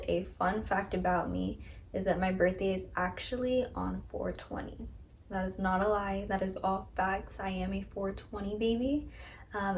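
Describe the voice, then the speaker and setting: Young woman in her twenties, casual Q&A host, bubbly, phone-recorded, faint noise behind. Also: medium pitch. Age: 20s. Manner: upbeat, chatty, frequent ums. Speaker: podcast host. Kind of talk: casual get-to-know-me chat. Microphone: phone camera.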